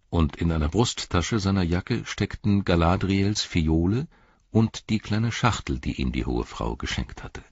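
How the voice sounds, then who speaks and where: Very deep, husky male narrator. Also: dry recording, highs cut off. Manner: calm, measured reading. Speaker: audiobook narrator. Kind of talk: scripted narration.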